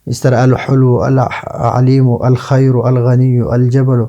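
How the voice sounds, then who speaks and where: A man teaching Arabic letters in a classroom lesson, slowly drawing out example words and answering his own questions. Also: medium pitch, fairly even intonation, dark tone, poor audio. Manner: slow, drawn-out repetition of example words.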